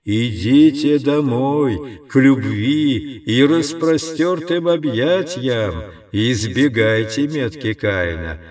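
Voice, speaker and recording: A man reading an audiobook, putting on a slow, sing-song, preacher-like voice that calls out over distant loudspeakers. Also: on the low side. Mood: chanting. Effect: distant loudspeaker broadcast.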